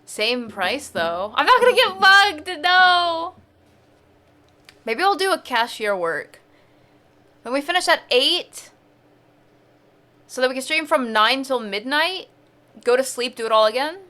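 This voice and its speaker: Give me a woman streamer thinking aloud over a game, slightly high and slow. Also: animated, bright, forceful tone. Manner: thinking aloud, chatty and self-questioning. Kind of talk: casual gameplay commentary.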